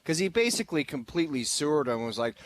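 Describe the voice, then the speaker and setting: A man hosts a sports radio show with a fairly high voice. He rants in casual chat and slips into mocking impressions of players and coaches. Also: big pitch swings, racing. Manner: ranting, does mocking voices.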